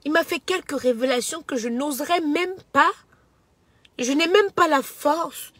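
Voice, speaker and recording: Cameroonian woman in her thirties, high-pitched and sharp, preachy social media rant, dry close sound. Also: dry recording. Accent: Cameroonian French. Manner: impassioned, preachy, stumbles and repeats words. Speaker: social media personality and entrepreneur. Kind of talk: emotional direct-to-camera social media monologue.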